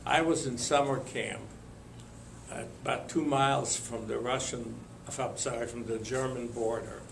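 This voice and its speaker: An older man from Lithuania, telling his life story to an audience in a slow, halting way with many pauses and fillers. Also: mid-range voice, steady tone, gravelly, reverberant, slight background noise. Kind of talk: spoken testimony to an audience.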